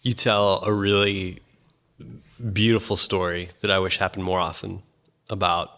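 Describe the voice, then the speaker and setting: A man's voice: low-pitched, little pitch movement, moderate pace, bright, forceful tone. A man hosting a live podcast interview, prompting his guest with short questions. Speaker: podcast host.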